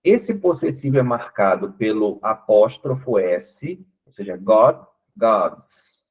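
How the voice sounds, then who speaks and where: Slow husky Brazilian man teaching. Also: fairly low pitch, lively intonation. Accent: Brazilian Portuguese. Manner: patient, explains step by step with frequent "né?" checks. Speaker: English teacher. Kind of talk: online class explanation. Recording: tinny narrowband online call audio.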